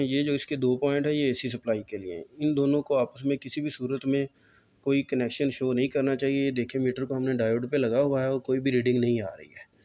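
A man, calmly explaining a step-by-step electronics repair at a workbench, recorded on a phone filming his hands. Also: mid-range voice, muffled recording, slight background noise. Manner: calm, explanatory, pointing things out. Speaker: repair technician.

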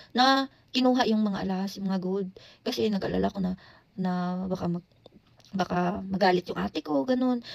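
A woman with a Visayan accent recounts a story to her viewers in a casual, unscripted way, stumbling over words and restarting often. Her voice sits a little high and has a gravelly edge. She talks in fast bursts. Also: darkish tone. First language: Bisaya. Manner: halting, many restarts and self-corrections. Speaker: vlogger. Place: Japan.

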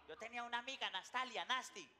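A man who hosts a comedy show and delivers a playful, slang-heavy stand-up monologue. His voice sits very high for a man, and steady noise runs under the recording. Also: quick pace, some chatter behind. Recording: noisy recording.

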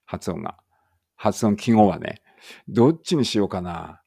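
A man teaching an English read-aloud lesson in casual speech, thinking aloud and correcting himself, and reading the English lines slowly and carefully. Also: lowish voice, animated, gravelly, mellow, husky, no room sound, studio quality.

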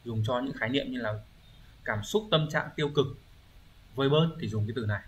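A man's voice: medium pitch, fairly quick, a little hiss or hum. A male language teacher going through exam vocabulary questions, explaining readings step by step and often checking with his students. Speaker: Japanese teacher. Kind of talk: exam review lesson.

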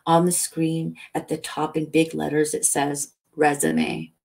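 A woman reading a novel aloud as a calm, soothing bedtime story. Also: low-pitched, creaky, low-quality recording. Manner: slow, calm, soothing delivery. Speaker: audiobook reader.

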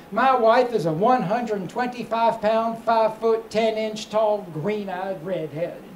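Handheld mic in hand, a high-pitched, middle-aged comedian from Kentucky, United States, runs a stand-up routine of stories and crowd work, projecting his storytelling to the room. The small indoor club stage sounds echoey, and the recording is clearly noisy.

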